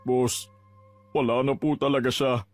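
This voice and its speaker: A young worker speaks low and respectfully, as a man voices him. His tone is subdued and grave. Faint music runs beneath. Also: flat delivery, measured pace, close to an everyday voice. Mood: somber.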